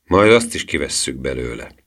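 A man doing a slow, grumbling police sergeant. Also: rumbling low, sing-song, a bit bright, pitched below the performer's own voice, exaggerated voice. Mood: gruff.

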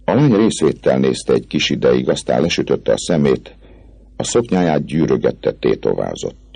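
A male audiobook narrator with a very deep, gravelly voice that rises and falls with the story. His tone is husky, and the recording is dry and close. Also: big pitch swings, a little mellow, no room sound. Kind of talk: audiobook narration of a classic novel.

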